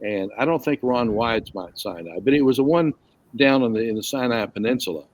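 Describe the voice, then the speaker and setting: A man's voice: mid-range voice, a little fast. A man teaching a casual Bible study group, rambling a little and asking the group questions.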